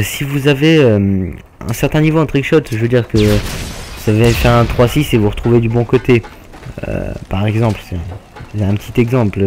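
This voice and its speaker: A man casually commenting on his own gameplay, hesitant with many filler pauses and a laid-back, jokey manner. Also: fairly low pitch. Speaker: gaming channel host. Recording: game gunfire noise underneath. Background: video game gunfire.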